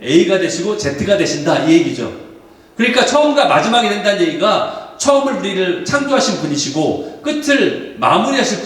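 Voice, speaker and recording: A male pastor preaches a sermon in a high, lively voice that rises and falls as he explains and questions his listeners. He stands well back from the mic, and the church hall around him rings with heavy echo. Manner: explanatory, asks the congregation questions. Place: church sanctuary. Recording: echoey hall from far off.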